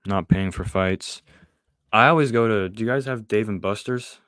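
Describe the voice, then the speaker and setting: A young man hosts a podcast stream in a relaxed, rambling way, reading out and answering viewer chat. His voice sits fairly low and often sinks into quiet, trailing asides. The sound is dry and close, with no room echo. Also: normal speed, clean tone. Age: young adult. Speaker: podcast host. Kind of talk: casual live-stream chat.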